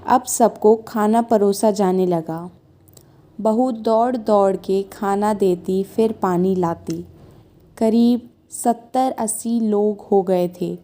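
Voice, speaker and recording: A woman narrating a moral family story in a measured storytelling manner. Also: mid-range voice, dark tone.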